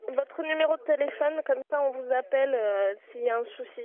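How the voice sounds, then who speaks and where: A woman working at a bookshop answers a customer's call in a high voice, speaking fairly quickly with patient, polite firmness. The tinny phone line carries a little hiss or hum.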